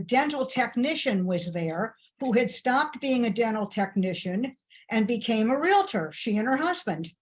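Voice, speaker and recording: A middle-aged woman from Ohio, a guest in an interview, telling her story in a chatty way with hesitant fillers. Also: on the high side. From Ohio, USA. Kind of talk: conversational storytelling.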